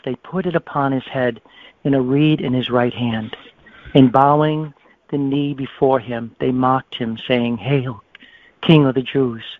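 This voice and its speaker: An earnest man reads a devotional meditation at a steady, mid-range pitch. He stumbles and restarts now and then. The sound is dry and thin, like a phone line. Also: no echo. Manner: earnest, halting, occasional restarts. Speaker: radio show co-host reading devotions.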